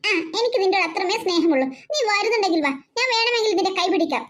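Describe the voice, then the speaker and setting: A woman's voice: extremely high pitch, lively intonation, fast, a bit bright. A woman voicing a bossy, teasing older sister in a cartoon. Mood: snappy. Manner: snappy, teasing. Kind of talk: cartoon voice acting.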